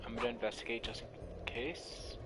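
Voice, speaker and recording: A man's voice: medium pitch, level tone, brisk, heavy background noise. A man casually commenting to himself while playing a video game, swearing now and then. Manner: muttering to himself, swearing at times. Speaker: gameplay streamer. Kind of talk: casual let's play commentary. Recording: loud game music behind.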